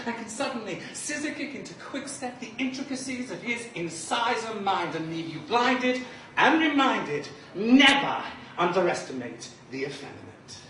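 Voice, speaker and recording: A Liverpool man, working as a drag performance poet, recites his poem and trades camp, flamboyant banter with a live audience. His very high voice sounds pushed and bright. The noisy recording was made from a distance in an echoey room.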